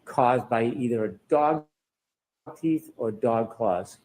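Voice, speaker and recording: A man's voice: medium pitch, slow pace, a little mellow. A man cross-examining a witness in a courtroom as a lawyer, pressing and sceptical, often ending statements with pointed tag questions.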